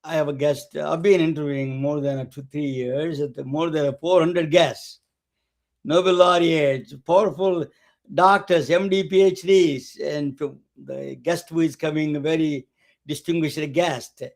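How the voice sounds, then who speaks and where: A man hosting a webcast, introducing guests in a halting way with many restarts and fillers. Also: on the high side, fairly even intonation. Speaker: webcast host. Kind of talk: casual interview introduction.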